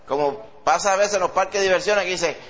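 A man with a Puerto Rican accent preaches a sermon in an animated way, slipping into high voices for the people he quotes. His voice sits a little high for a man. The recording sounds dull and lo-fi. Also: fast. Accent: Puerto Rican Spanish.

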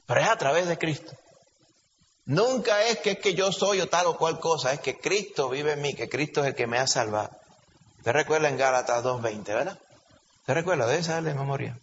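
A man's voice: fairly high pitch, fairly bright tone. A man with a Puerto Rican accent preaching a sermon in a conversational way, often asking his congregation questions. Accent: Puerto Rican Spanish. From Puerto Rico. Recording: dull lo-fi recording with long reverb and faint hiss.

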